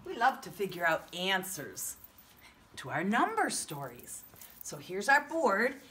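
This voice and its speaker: A woman's voice: medium pitch, sing-song, slow pace, noisy background. A woman preschool teacher giving a children's math lesson in a broad singsong, asking coaxing questions and counting aloud. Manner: broad singsong delivery aimed at small children.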